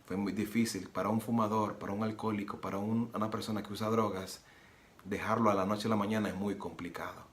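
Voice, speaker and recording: A man's voice: lowish voice, fairly even intonation, fast talker. Earnest man, roomy echo. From Nicaragua. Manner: earnest, repeats phrases, re-enacts dialogue. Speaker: preacher giving testimony. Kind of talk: personal religious testimony. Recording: roomy echo with soft guitar music.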